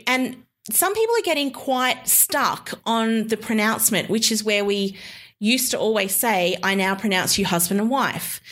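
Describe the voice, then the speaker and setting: A woman's voice: a little high, fairly bright tone. An Australian woman in her thirties co-hosting a chat show, explaining things in a chatty way, laughing easily and often restarting her sentences. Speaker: marriage celebrant podcast co-host.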